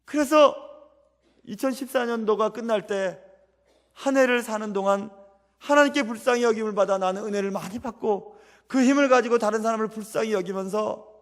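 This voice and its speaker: Man, pastor, church sermon, high voice, earnest repeating cadence, long hall echo. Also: brisk. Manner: earnest, repetitive preaching cadence. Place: church sanctuary.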